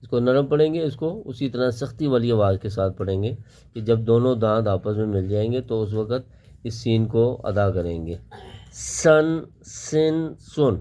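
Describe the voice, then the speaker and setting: A man's voice: medium pitch, dark tone. A man teaching Quran letter pronunciation, explaining each sound and then drilling it syllable by syllable. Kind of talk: slow step-by-step recitation lesson.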